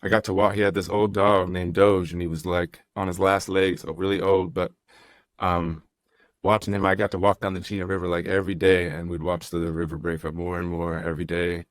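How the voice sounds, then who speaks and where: A man's voice: low voice, level tone, a little fast, no room sound. A young man hosting a casual podcast, easygoing and rambling, reading listener comments aloud. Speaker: podcast host, professor.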